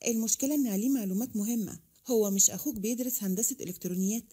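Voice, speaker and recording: A woman's voice: fairly high pitch, racing, warm tone, husky. A woman voicing a teasing Egyptian young man. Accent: Egyptian Arabic.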